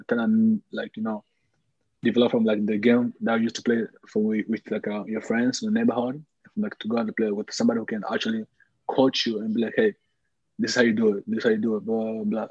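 A young man with a Congolese accent talks in a casual, looping interview style. His voice sits low and has a husky grain. The recording is slightly dull and has a clear room echo. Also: darkish tone. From Congo (DRC), later Malawi. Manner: conversational, repetitive, peppered with "like" and "you know". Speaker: soccer player being interviewed.

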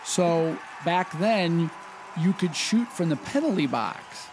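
A man's voice: fairly high pitch, lively intonation, slow, a little hiss or hum. A man hosting a casual podcast, talkative, leading the conversation and telling anecdotes. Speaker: podcast host.

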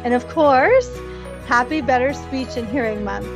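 A woman's voice: high voice, measured pace, over music. A woman hosting a scripted educational podcast interview in a formal, explanatory manner. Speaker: podcast host. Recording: dull, lo-fi podcast audio.

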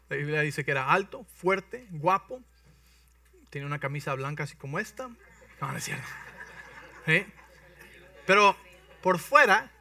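A man preaching a sermon, telling the story with energy and often checking in with his listeners. His voice is bright and a little high. He is heard from a bit away from the mic in a dry room. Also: no room sound. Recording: voice from some distance, dry.

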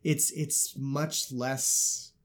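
A man's voice: medium pitch, little pitch movement, very slow. A male podcast co-host chatting casually with a congested, stuffy-nosed voice, breathing through his mouth as he recovers from a sinus illness. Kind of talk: casual chat.

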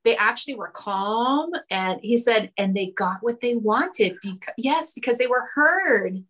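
Brief: New woman, podcast guest, chatty and agreeable, fairly high voice. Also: lively intonation, fairly bright tone. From New Jersey. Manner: chatty, quick to agree, self-correcting. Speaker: podcast guest, hair educator. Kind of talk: casual podcast chat.

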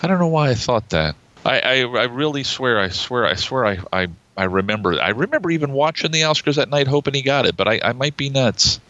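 A man's voice: mid-range voice, lively intonation, a little fast, hardly any pauses, bright, forceful tone, lo-fi sound. A man co-hosting a casual film podcast, talking in a rambling way with many fillers and restarts. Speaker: podcast co-host.

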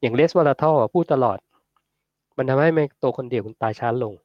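A man hosting a casual livestream, chatting and answering viewer comments in a relaxed, friendly way. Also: medium pitch, moderate pace, no echo, dull audio. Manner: relaxed, chatty, ends phrases with polite particles. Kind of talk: casual livestream talk on health.

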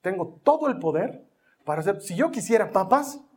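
A man preaching a sermon as pastor, emphatic and animated, telling stories and putting rhetorical questions to the congregation. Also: sits high, normal speed.

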